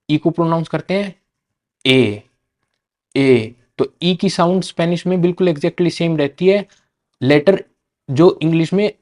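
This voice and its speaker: A man teaching a language lesson, slowly saying each letter two or three times in a clear, patient way. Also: a little high, darkish tone. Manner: repeats each letter slowly and clearly, mixing Hindi and English. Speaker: Spanish teacher.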